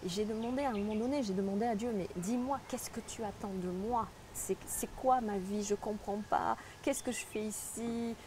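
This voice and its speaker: This middle-aged woman from French Guiana, a spiritual guide being interviewed, recounts her life story in an earnest, reflective way with many restarts. Her mid-range voice is mellow and moves at a moderate pace with hardly any pauses, and there's slight background noise.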